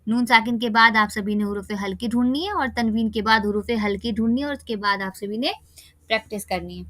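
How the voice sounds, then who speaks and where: A woman teaches children Quran recitation in an online class, with a bright voice pitched a little high. She keeps checking whether they understand and stretches out each example slowly. The sound is close and dry, with no room around it. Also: dry recording. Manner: patient, checks understanding with "theek hai?".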